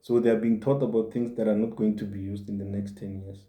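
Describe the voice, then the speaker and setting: A man's voice: fairly low pitch, level tone, fast, warm tone. A man in his forties gives a motivational monologue as a podcast host, earnest and repeating his points for emphasis. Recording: roomy echo.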